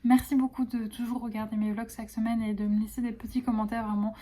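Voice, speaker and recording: A woman's voice: on the high side, little pitch movement, quick pace, mellow. A woman illustrator chatting casually in a vlog, gushing and affectionate about the things she made, with lots of filler words. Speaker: illustrator presenting her own collection.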